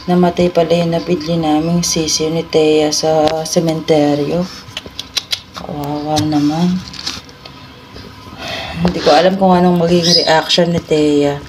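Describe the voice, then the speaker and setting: A woman filming a family vlog, gently coaxing and consoling her crying child at home. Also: low-pitched, flat delivery, a little slow, long pauses, noisy background. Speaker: vlogger mother.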